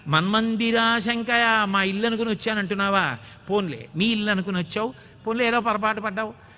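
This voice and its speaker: A man's voice: high-pitched, quick pace, pushed and bright, a little hiss or hum. A man voicing an exasperated village milkmaid who scolds a boy with mocking, incredulous questions. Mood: incredulous scolding.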